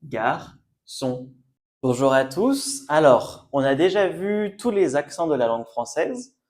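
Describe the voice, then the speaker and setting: A man teaching a French pronunciation lesson, slowly repeating each word for learners. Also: a little high, very animated, darkish tone. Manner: slow, careful, repeats words for learners. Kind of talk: language lesson at a whiteboard.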